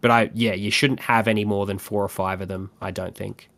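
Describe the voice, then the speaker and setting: A man's voice: on the low side, steady tone, a little fast, gravelly, fairly bright tone. A man co-hosting a podcast in casual sports fantasy chat. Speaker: podcast co-host.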